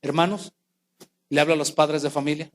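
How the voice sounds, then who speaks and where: A man's voice: on the high side, level tone, brisk. A man preaching a sermon as pastor, acting out quotes and rising to calls aimed at the congregation.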